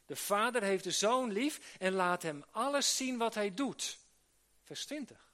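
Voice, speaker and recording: A man's voice: high-pitched, expressive, unhurried, bright, forceful tone. A man preaching a sermon to church workers, earnest, with many restarts and rhetorical questions to the listeners. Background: live audience he addresses.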